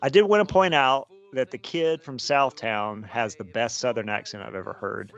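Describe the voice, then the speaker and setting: A man's voice: medium pitch, normal speed, a bit bright, lo-fi sound. A man in his forties co-hosting a podcast in casual chat, playful and laughing often. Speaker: podcast co-host.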